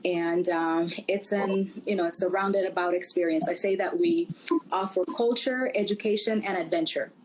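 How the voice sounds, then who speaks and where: A woman's voice: on the low side, fairly even intonation, normal speed, a little mellow, low-quality recording. A middle-aged woman from Puerto Rico, a guest speaking in a casual interview, conversational and full of "you know" fillers. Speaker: travel company founder, guest. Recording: faint background noise.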